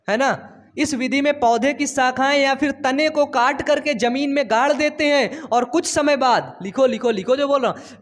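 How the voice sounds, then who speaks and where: Young male biology tutor, high voice, chatty and teasing. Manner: chatty, teasing students, repeats phrases. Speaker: biology teacher. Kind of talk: casual online lesson. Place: home studio.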